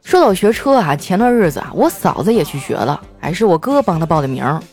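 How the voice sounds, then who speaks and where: A woman's voice: on the low side, very animated, fast, a little mellow, faint music behind. A woman host telling funny everyday stories in a playful manner, laughing often. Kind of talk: comic storytelling monologue.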